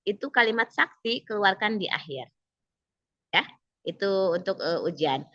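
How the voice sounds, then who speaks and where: A woman's voice: medium pitch, animated, normal speed, fairly bright tone, dry recording. A woman briefing trainees in an online class, chatty and instructive, acting out sample exam dialogues. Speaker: training mentor. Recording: dull lo-fi video call audio.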